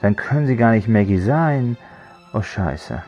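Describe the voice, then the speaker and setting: A man's voice: on the low side, animated, a little slow, lo-fi sound, soft background music. A man voicing a drunk young man on crutches who pleads and stammers, in a thriller audiobook. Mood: confused.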